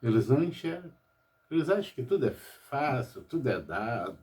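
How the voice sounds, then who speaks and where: A man's voice: mid-range voice, sing-song, moderate pace, a little mellow. An older man from Brazil, a pharmacist talking about his life at home in a rambling personal monologue, tagging nearly every phrase with "né?".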